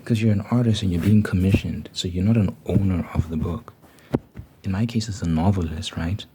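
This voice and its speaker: A man in casual, rambling talk, thinking out loud in an informal way. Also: low-pitched, a little fast, heavy background noise.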